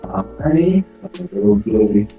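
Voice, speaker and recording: A man who is a game developer talks through a voice changer, halting and hesitant with many fillers. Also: on the low side, sing-song, warm tone, reverberant, faint music behind.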